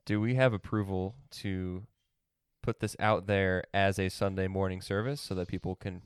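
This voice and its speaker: A man co-hosting a podcast in casual chat, talking in a soft, sleepy morning voice with dry teasing. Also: low-pitched, fairly even intonation, moderate pace, smooth, no echo. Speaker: podcast co-host.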